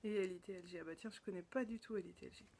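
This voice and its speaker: French woman unboxing, delighted and soft-spoken. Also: on the low side, very fast, vocal fry, low-quality recording. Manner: delighted exclamations, often drops to a soft near-whisper. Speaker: knitting podcast host. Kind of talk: casual unboxing chat to camera. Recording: noticeable background noise.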